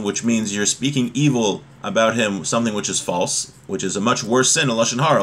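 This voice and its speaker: Recorded in a small home room via a webcam or laptop mic at desk distance, with room noise clearly audible, a man in his thirties with an American accent gives informal lessons on a religious text. He reads, then explains, often putting things another way, in a mid-range, slightly bright voice.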